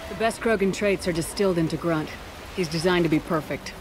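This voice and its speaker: A woman's voice: fairly low pitch, fairly quick, background noise, natural voice. A woman playing a tough, no-nonsense military commander in a video game, speaking in a clipped, assertive way. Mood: challenging. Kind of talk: dramatic video game acting.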